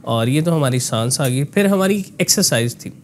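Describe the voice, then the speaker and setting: A man coaching voice work in a relaxed, explanatory conversation, often slipping English phrases into his talk. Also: mid-range voice, normal speed, a little hiss or hum. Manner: explanatory, mixes in English phrases, frequent "ना" tags. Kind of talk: conversational voice lesson.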